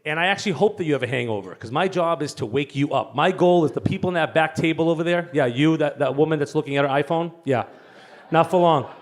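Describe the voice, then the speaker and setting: A man's voice: fairly high pitch, quick pace, hardly any pauses. Joking Boston man addressing a conference. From Boston area. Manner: joking, teasing the audience. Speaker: conference speaker. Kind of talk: lively conference talk. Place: conference hall.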